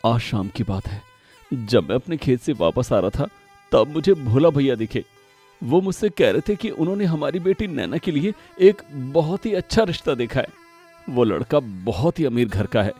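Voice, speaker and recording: A man's voice: medium pitch, big pitch swings, normal speed, mellow, slightly rough, faint music behind. A man as a worried poor village father. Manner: worried, earnest.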